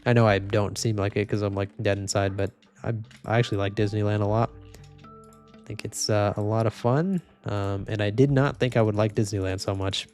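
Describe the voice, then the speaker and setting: A young man streams a game and reads chat aloud, talking casually in a flat, low-energy voice he himself calls boring. He sounds slightly congested and speaks a little fast, with faint game music and keyboard typing behind him.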